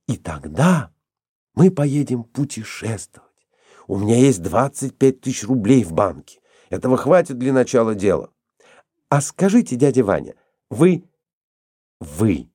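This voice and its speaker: An eager, stubborn young woman who talks with excitement and insistence, as a male reader puts her on. The voice is raised well above his own and swings widely. It is a dry, close storybook reading. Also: on the low side, husky, no room sound, full character voice.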